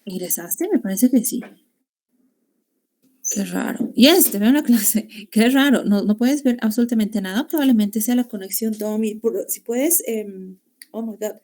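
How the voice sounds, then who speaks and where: Young woman teaching english on a video call, with english bits thrown in, warm and encouraging. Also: mid-range voice, a little slow. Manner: explains grammar in Spanish mixing English classroom phrases. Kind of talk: online class lecture.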